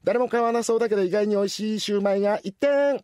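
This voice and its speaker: A man voicing a polite, brisk supermarket cashier in a rakugo comic story, speaking in formal shop phrases. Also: high voice, darkish tone, clear, resonant tone, dry recording, studio quality, voice pushed up, close to an everyday voice.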